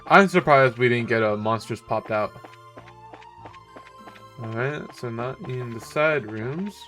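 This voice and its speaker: A man's voice: medium pitch, takes it slowly, over music. A man giving casual video game commentary and reading text aloud as a let's play host.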